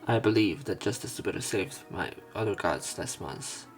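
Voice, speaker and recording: A man with a low, expressive voice reads a visual novel aloud at normal speed as a let's play host, adding some commentary of his own and occasionally stumbling over words. Soft game music plays faintly behind him.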